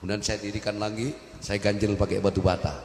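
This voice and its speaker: A man's voice: lowish voice, little pitch movement, fairly quick, a little hiss or hum. A man preaching to a congregation, emotional and impassioned, recorded in a large hall. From Madurese family. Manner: emotional, rising to loud impassioned pleading. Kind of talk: sermon. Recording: echoey hall with long reverb.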